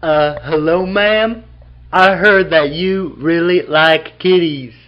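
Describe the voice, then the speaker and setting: A polite cartoon visitor, played by a woman speaks in a deep, slow, deadpan tone. The delivery stays formal and flat. The audio is a little muffled. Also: slight background noise. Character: polite, low-voiced visitor at the door.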